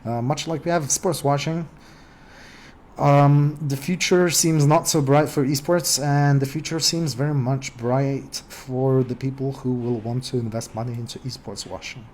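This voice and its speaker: A man's voice: mid-range voice, fairly even intonation, measured pace, darkish tone. A young man giving an informal lecture in a debate workshop, talking casually with many fillers and dry sarcastic asides.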